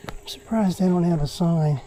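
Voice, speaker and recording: A man's voice: on the high side, moderate pace, mellow. A man walking outdoors on a wooded trail, giving casual running commentary with chatty, grumbling remarks to himself, a little out of breath from the uphill walk.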